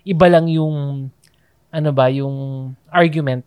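A man's voice: on the high side, fairly even intonation, a little slow, clean tone, no echo, lo-fi sound. A man with a Filipino accent, co-hosting a casual podcast, talking loosely with many fillers and restarts. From Philippines. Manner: chatty, mixes English into Tagalog, many fillers and restarts. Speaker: podcast co-host.

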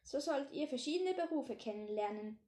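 A friendly schoolteacher explaining a task to her pupils, as a woman reads her lines. The voice is high and clear, read plainly, and has a noticeable room echo. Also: expressive, moderate pace, mellow.

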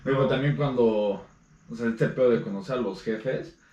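A young man with a Mexican accent and a mid-pitched voice talks in a laid-back, slangy way. He is set back from the mic in a roomy, echoing space. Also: moderate pace, darkish tone, far from the mic, dull audio. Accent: Mexican Spanish. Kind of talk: casual chat.

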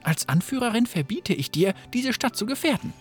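A woman voicing a young female team leader in a video game, bossy but quick to stammer under pressure. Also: a little high, sing-song, soft background music. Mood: firm.

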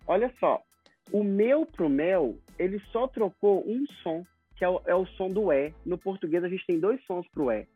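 A man's voice: high-pitched, lively intonation, normal speed, few pauses, husky, no room sound, soft background music. A Brazilian man teaching English pronunciation in an interview, explaining with acted-out example dialogues. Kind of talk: casual interview talk. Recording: tinny phone-like sound.

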